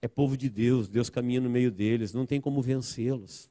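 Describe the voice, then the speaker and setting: A Brazilian man preaching a sermon as pastor, with a Brazilian Portuguese accent, repeating phrases and swinging between soft and loud. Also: mid-range voice, brisk. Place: church sanctuary. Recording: church hall reverb.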